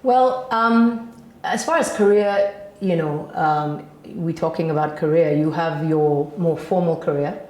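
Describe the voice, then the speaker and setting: Ghanaian woman guest, very low voice, chatty, roomy echo. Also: unhurried, darkish tone. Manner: chatty, with frequent fillers and restarts. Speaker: interview guest from the energy industry. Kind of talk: interview answers. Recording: echoey room.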